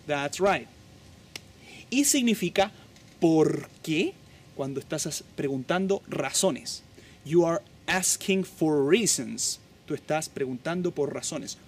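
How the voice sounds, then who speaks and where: Lively, slow-spoken male Spanish teacher of English. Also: a little high, a little hiss or hum. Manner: slow, drawn-out model pronunciations with lively teacherly emphasis. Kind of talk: bilingual English lesson for Spanish speakers.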